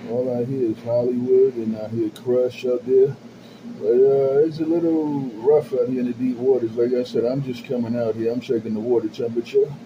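A man's voice: mid-range voice, fairly even intonation, normal speed. A man talking over a CB radio from his base station, calling out his handle with rhythmic, repetitive sign-offs. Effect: CB radio transmission. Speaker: CB radio operator. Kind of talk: CB radio chatter with repeated handle call-outs. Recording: muffled radio with static hiss.

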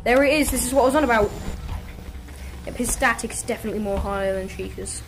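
A woman playing a horror game from her bedroom, with excitable, squealing commentary and sudden yelps. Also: on the high side, fast, slight background noise. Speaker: gaming YouTuber. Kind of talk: excitable let's-play commentary. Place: home bedroom. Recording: faint game music behind.

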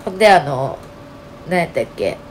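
A woman with a Kansai accent talking casually to her channel, her voice hoarse and nasal, telling her story with lots of fillers. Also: deep voice, normal speed, a little hiss or hum. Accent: Kansai Japanese. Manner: chatty, animated storytelling with many fillers. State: hoarse, strained voice. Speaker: channel host. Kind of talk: casual solo vlog talk.

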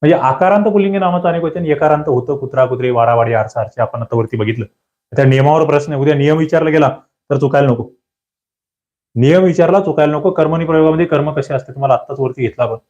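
In an online exam-prep lecture, a man drills grammar questions, using lively, rising emphasis and questioning his students. His voice is on the high side and fast, with lo-fi sound.

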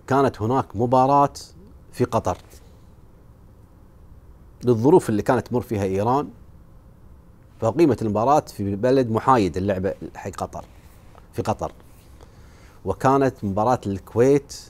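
A man presenting football highlights, telling stories of old matches in a relaxed way. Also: a little fast, pauses often. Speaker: sports show presenter.

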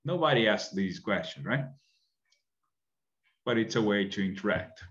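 A man's voice: lowish voice, animated, a little slow, a bit bright. A middle-aged man teaching an online English lesson, explaining patiently and often checking in with "right?", recorded on a webcam indoors. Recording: dull lo-fi webcam audio.

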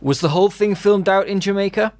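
A man hosting an interview, asking questions in a measured, formal way. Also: high voice, a little mellow, dry recording. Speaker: interview host.

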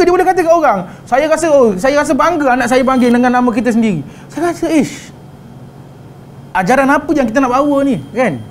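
A man's voice: high-pitched, slight background noise. A young man with a Malaysian Malay accent giving a religious talk on parenting, chatty, with frequent tag questions and English phrases mixed in. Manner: conversational, frequent "kan?" tags and restarts. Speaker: religious teacher.

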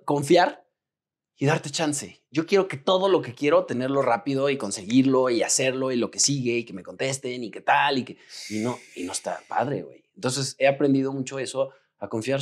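A man in his thirties with a Mexican accent, talking casually as an interview guest and acting out his own thoughts in a lively, slangy way. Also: medium pitch, breathy edge. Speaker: actor and guest.

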